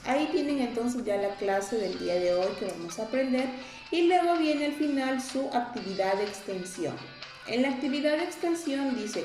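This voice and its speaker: A woman's voice: fairly high pitch, reverberant. A young woman teaching English words to preschoolers, repeating each word and having the children say it back. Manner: warm and encouraging. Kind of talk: slow, sing-song lesson for small children.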